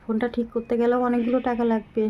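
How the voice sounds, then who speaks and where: A woman's voice: a little high, monotone, muffled recording, a little hiss or hum. Breathless, weak-voiced middle-aged woman. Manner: slow, halting, pleading. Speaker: vlogger. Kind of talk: casual talk to viewers. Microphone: phone camera.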